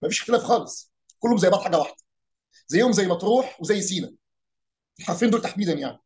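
A man with an Egyptian accent talks through regional dialects in an easy, chatty way. His voice sits high and his delivery is rapid. He keeps asking rhetorical questions and imitating how people in different areas pronounce words. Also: expressive, a little mellow. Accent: Egyptian Arabic. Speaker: speaker on Arabic dialects and folk heritage. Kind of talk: casual explanatory talk.

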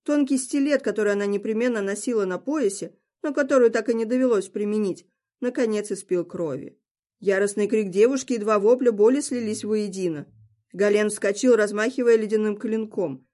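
A woman reading fantasy fiction aloud in a measured, even narration. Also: medium pitch. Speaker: audiobook reader.

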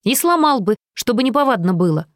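A woman voicing a hot-tempered young male caravan leader in an audiobook, with loud, forceful outbursts. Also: a little high, very animated, fairly quick, no room sound, clean studio sound, voice pushed up. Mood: angry. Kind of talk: audiobook character reading.

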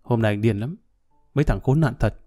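A man's voice: mid-range voice, fairly quick, warm tone, soft background music, close to an everyday voice. A man voicing a drunk, hot-tempered middle-aged man who rants and threatens revenge in a storybook reading. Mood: angry. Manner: blustering, vengeful rant.

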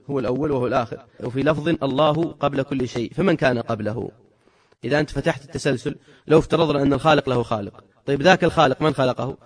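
A man teaching from a religious book, reading narrations quickly and then adding emphatic commentary. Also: mid-range voice. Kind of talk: reading and explaining a religious text.

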